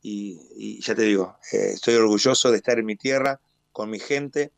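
A man from Mar del Plata with an Argentine accent, a stadium announcer telling stories in a radio interview with animated pride. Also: on the low side, normal speed, gravelly, no room sound. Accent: Argentine Spanish, Mar del Plata. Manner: animated storyteller, proud and expansive.

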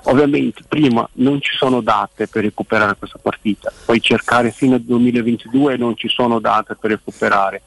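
A man's voice: medium pitch, fairly even intonation, normal speed, gravelly, few pauses, dry recording, poor audio. A man working as a football pundit guest on a radio show, explaining his view emphatically and often repeating words as he goes. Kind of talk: radio phone-in commentary.

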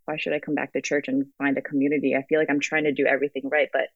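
A woman's voice: a bass voice, level tone, very fast, slightly rough, dry recording. Guest, young American woman, reflective, hesitant, over a dull, dry call line. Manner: reflective, frequent ums and restarts. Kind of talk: remote interview. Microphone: phone app call.

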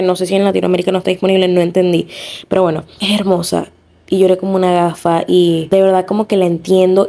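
Young woman, Venezuelan accent, podcast host, casual monologue, chatty, self-correcting, mellow tone, mid pitch. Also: gravelly. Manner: chatty and rambling, full of fillers and self-corrections.

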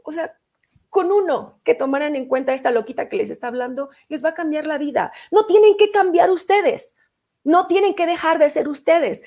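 A woman's voice: high voice, a little mellow. A middle-aged woman with a Mexican accent, hosting a live online show in a casual, playful way, full of fillers and reading out viewer comments. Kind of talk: casual live-stream chat.

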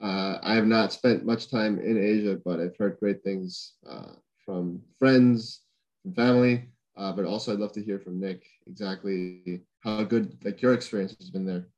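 A man's voice: lowish voice, fairly even intonation, normal speed, a little mellow, lo-fi sound. A young man from Honduras, a podcast guest, talking casually and thoughtfully with many fillers and restarts. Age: young adult. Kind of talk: casual conversation.

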